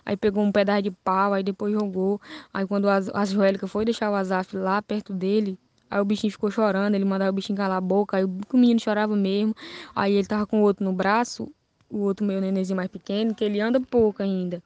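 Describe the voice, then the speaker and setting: A woman's voice: medium pitch, little pitch movement, quick pace, darkish tone, no echo, muffled recording. A woman giving a personal testimony, telling events plainly one after another. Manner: plain storytelling, chaining events with "aí". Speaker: witness telling her story.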